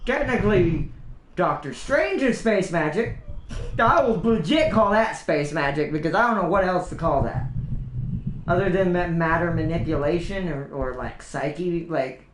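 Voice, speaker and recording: A man's voice: fairly high pitch, animated, moderate pace, a little hiss or hum. A young man hosting a casual livestream, rambling chattily about movies with restarts and laughs. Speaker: livestream host. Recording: roomy echo.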